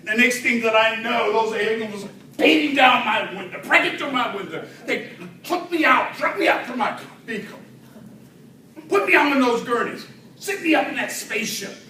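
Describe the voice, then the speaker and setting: At a Toastmasters club contest, a man with a very high, bright voice performs a comic tall tale as a speech, with lively intonation. He stretches words out theatrically and uses dramatic pauses and swells before an indoor audience. The recording is very roomy, taken from a distant mic, with faint noise.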